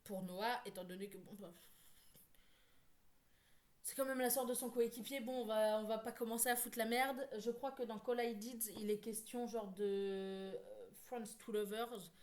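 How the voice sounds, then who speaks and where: A woman book vlogger talking casually, rambling with many fillers and quick self-corrections. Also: on the high side, steady tone, darkish tone. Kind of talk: casual chat.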